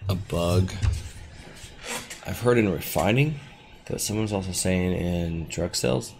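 Gravelly, low-pitched man, casual gameplay commentator, relaxed and rambling. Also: a little slow, slight background noise. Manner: laid-back, rambling, thinking aloud. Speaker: gaming video host.

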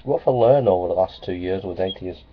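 Speaking fast in a low-pitched voice, a middle-aged vlogger addresses a close-range webcam from a small office with framed certificates on the wall. He keeps it plain and repetitive, with lots of ums and uhs and repeated phrases. The audio is dull lo-fi webcam sound with a faint hiss.

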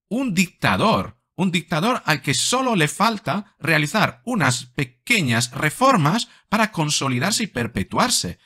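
Bright-voiced man giving emphatic commentary. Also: medium pitch. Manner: emphatic, many fillers and rhetorical questions. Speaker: psychologist commentator. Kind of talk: video commentary. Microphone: desk microphone in front.

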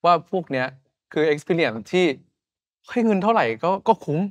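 A man's voice: fairly high pitch, animated, normal speed, dry recording. A man from Thailand in his thirties, a podcast guest chatting casually in loose, slangy talk. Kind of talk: casual chat.

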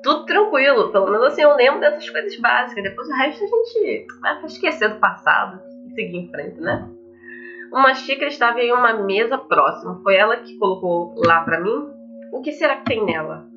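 In a fairly quick, expressive, fairly high voice, a young woman with a Brazilian accent chats her way through a casual let's play as a gaming video host. She reads game text aloud and keeps asking viewers tag questions. The recording has a slightly dull mic over faint game music.

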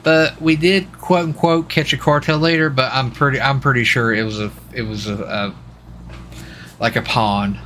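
A man chats casually while livestreaming a role-play game, rambling and repeating himself. His medium-pitched voice is a bit bright, with fairly even intonation at normal speed, and faint background noise is audible.

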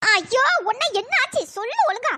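A woman voicing a sharp-tongued, teasing young wife in a cartoon. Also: lively intonation, moderate pace, heavily acted. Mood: puzzled. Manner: teasing, snappy. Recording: pitch-shifted cartoon voice with background noise.

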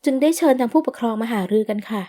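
A woman's voice: a little high, racing, mellow, close to an everyday voice. A woman doing a formal schoolteacher in her forties. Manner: formal, polite mediator.

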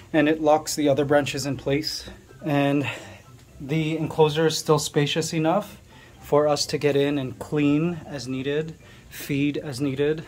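Middle-aged canadian guy vlogging outside, kinda high voice, chatty, music faint behind. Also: darkish tone. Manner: chatty, explaining to viewers while handling pets. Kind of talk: casual vlog walkthrough. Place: outdoor animal enclosure.

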